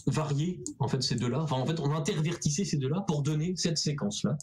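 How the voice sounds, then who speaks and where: A man's voice: fairly high pitch, fast talker, a little mellow. A man presenting his thesis research in a casual, chatty way, with many fillers and restarts and self-mocking asides. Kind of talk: casual explanatory talk.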